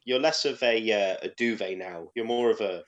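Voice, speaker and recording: A man's voice: on the low side, normal speed, highs cut off. A British man in his thirties hosting a casual podcast, teasing his co-hosts with crude, mocking jokes. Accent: British English. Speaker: podcast host.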